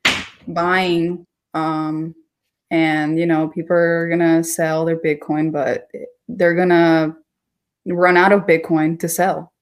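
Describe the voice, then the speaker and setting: Twenties woman from Ecuador; relaxed guest who laughs easily, pitched a bit low. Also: takes it slowly. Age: 20s. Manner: laughs easily, casual and chatty. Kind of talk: casual chat.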